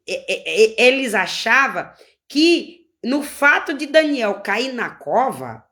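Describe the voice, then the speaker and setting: Lady preaching, fervent, repeats herself, pitch jumps all over. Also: a bit bright. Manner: fervent, repeats phrases for emphasis. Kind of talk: informal sermon.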